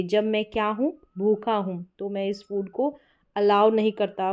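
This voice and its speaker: Woman, English teacher, slow measured delivery, reads lines then translates. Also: medium pitch, darkish tone, muffled recording. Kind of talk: explaining English grammar from a story.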